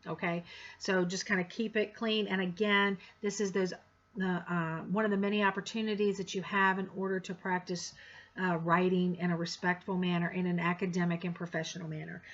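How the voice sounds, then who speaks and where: A woman's voice: lowish voice, flat delivery, normal speed, a bit bright, highs cut off. A woman instructor giving a course introduction in a frank, direct way with sarcastic asides. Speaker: college instructor.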